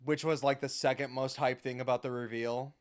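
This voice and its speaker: A young man co-hosting a podcast, chatting casually, excitable and quick to laugh. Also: medium pitch. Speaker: podcast co-host. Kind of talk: casual chat.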